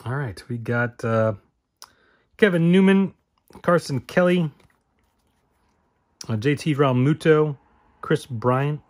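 A man's voice: fairly high pitch, expressive, takes it slowly, pauses often. A man hosting a card-opening video, listing the names in each pack and rambling as he corrects himself. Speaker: card-opening channel host. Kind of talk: casual card-opening commentary.

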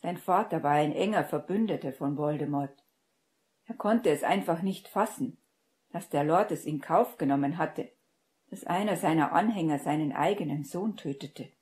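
A woman narrates a fan-fiction audiobook in a steady, measured reading. Her voice sits very low for a woman and has a dark, mellow tone. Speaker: audiobook reader.

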